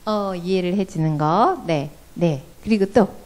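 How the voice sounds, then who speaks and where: A woman's voice: on the low side, a little slow, darkish tone. Korean woman lecturing a church audience. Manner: asks the audience questions and acts out parent and child voices. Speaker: professor giving a parenting seminar. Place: church hall.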